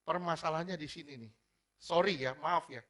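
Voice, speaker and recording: A man preaching a sermon as pastor, energetic, firing rhetorical questions at the congregation and mixing formal preaching with casual slang. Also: fairly high pitch, brisk.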